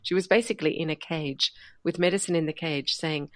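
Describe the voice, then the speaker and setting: A woman's voice: low voice, a little fast, no room sound. An Australian woman hosting a podcast, talking in a bubbly, effusive way. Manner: bubbly and effusive, laughs often. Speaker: podcast host. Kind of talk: casual podcast chat.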